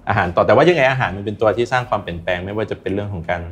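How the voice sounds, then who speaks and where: A man's voice: fairly low pitch, rapid-fire, breathy edge. A man speaking as an interview guest, earnestly sharing personal experience and advice in a casual chat. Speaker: interview guest, recreational runner.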